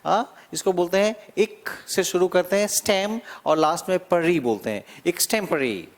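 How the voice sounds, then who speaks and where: A man with a fairly high voice teaching an exam-prep vocabulary lesson. He explains slowly, draws out and repeats key words, and keeps checking in with his students. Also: expressive. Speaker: English teacher.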